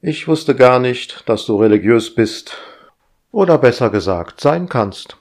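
A tired man at home who answers everything with dry sarcasm, read by a male storyteller. His lively voice rises and falls with mocking turns. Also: medium pitch, unhurried. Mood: dry sarcastic.

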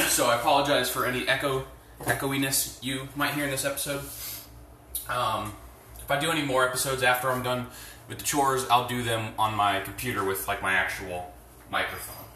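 Recorded on a phone without a headset, held at a distance in an echoey room, this podcast host rambles through a blunt, profane, filler-heavy rant while doing housework. His voice is mid-range and steady in tone, normal in speed, pushed and bright, with a faint hiss or hum and his words echoing around him.

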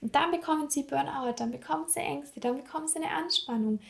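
A woman psychologist speaking earnestly and directly to her listeners in a podcast monologue, sometimes dropping to a soft whisper. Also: high voice, fast, vocal fry.

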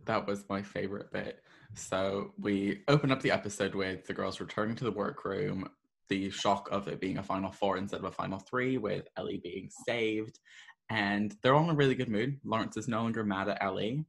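A man's voice: lowish voice, steady tone, normal speed, gravelly. A man hosting a podcast in a casual, conversational way. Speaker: podcast host.

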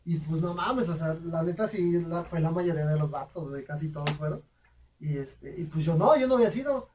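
A man's voice: a little high, lively intonation, brisk, darkish tone, far from the mic. A young Mexican man spins a school story in loose, slang-heavy chat, laughing along and putting on voices as he goes. He sits a little back from the mic, and a faint noise hums behind him. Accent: Mexican Spanish.

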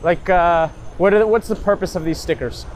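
A man's voice: sits high, brisk, slight background noise. A man hosting an interview outdoors, asking curious, probing follow-up questions in a casual tone. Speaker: interview host. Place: outdoors in a city with traffic nearby.

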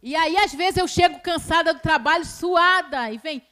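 A woman with a Brazilian accent preaching a colloquial sermon at a church service, chatty and teasing, her voice swinging between loud and hushed. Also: very high voice, normal speed.

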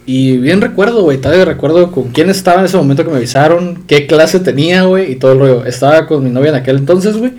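A man's voice: fairly high pitch, fast, few pauses, darkish tone. A man with a Mexican Spanish accent hosting a casual podcast, speaking in slangy chat. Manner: slangy, says güey constantly. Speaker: podcast host.

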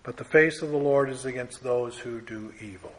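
A man's voice: medium pitch, normal speed, a bit bright, slight background noise. A man preaching a Bible teaching sermon in an earnest, emphatic way, building through lists and pressing key words.

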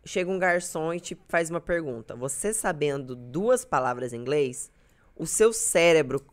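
A woman's voice: low-pitched, animated, normal speed. A young woman from Brazil, chatting casually as a podcast guest and telling self-deprecating stories. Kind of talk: casual chat.

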